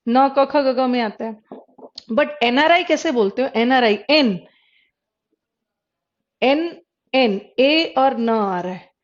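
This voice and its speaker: Female lecturer, high voice, drills pronunciation by spelling sounds out, dull recording. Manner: explains pronunciation by sounding out letters, switches between Hindi and English. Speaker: English teacher for exam prep. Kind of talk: classroom lecture.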